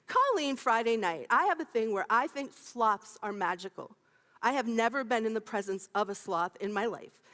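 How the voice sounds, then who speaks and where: Playful high-voiced woman minister in her fifties. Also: moderate pace. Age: 50s. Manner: animated and playful, laughing often, calling out to the congregation. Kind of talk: sermon. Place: church sanctuary. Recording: long reverb of a large sanctuary.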